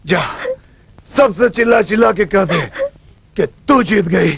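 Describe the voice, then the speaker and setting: An actor playing a bitter, humiliated stage performer who lashes out in film dialogue. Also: male voice, high voice, lively intonation, measured pace, vocal fry, dull audio, noisy background, exaggerated voice. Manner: bitter, shouting.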